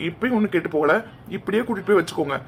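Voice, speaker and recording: High-voiced man scolding sarcastically. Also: lively intonation, very fast, vocal fry, slight background noise. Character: young man, a protective brother facing the groom's family. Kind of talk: cartoon dialogue acting.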